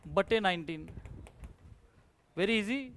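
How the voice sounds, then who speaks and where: Brisk male maths teacher. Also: sits high, a bit bright. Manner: brisk, coaxing, quizzes students, calls them 'beta'. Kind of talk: classroom lecture with student call-and-response.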